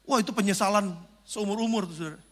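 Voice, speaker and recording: A man preaching as a pastor, animated and joking, swinging between loud preaching and quiet asides. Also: high-pitched, fast talker. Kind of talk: sermon. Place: large church hall. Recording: reverberant church hall.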